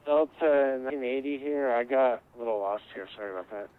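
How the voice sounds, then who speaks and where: A man replies as a pilot over air traffic control radio. He talks quickly at a medium pitch, casual and a little tentative. The transmission is thin and tinny. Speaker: flight simulation pilot on frequency.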